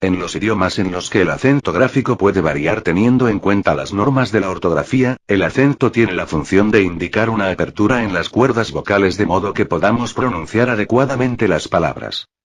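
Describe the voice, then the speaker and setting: Low husky male narrator. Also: lively intonation, fairly quick, hardly any pauses. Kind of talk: scripted reading of a dictionary entry.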